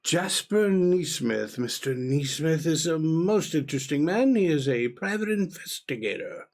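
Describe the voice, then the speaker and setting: A man's voice: a little high, very animated, a little slow, gravelly, darkish tone, pitched above the performer's own voice, heavily acted. A man voicing a genteel, pompous middle-aged professor who talks in a formal, fussy, old-fashioned way.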